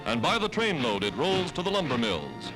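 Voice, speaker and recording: A man's voice: a little high, huge pitch swings, moderate pace, rough recording. A man narrating a 1940s wartime newsreel with an emphatic declaiming delivery. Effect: old newsreel narration over loud music. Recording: old newsreel soundtrack with loud music. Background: loud music.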